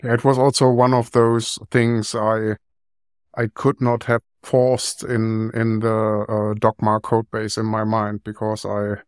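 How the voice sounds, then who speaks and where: A man who is a guest on a podcast, explaining in a measured, thoughtful way and repeating words as he thinks. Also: fairly low pitch, monotone, clear, resonant tone, no echo, studio quality. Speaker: podcast guest, software tool creator. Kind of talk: conversational explanation.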